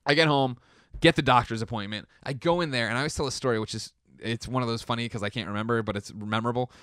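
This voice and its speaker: A young man from the Chicago area telling a long personal story in casual chat, rambling and animated, acting out quotes. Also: fast talker, dry recording, clean studio sound. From Chicago area, United States. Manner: rambling, animated, acts out quotes with big pitch jumps.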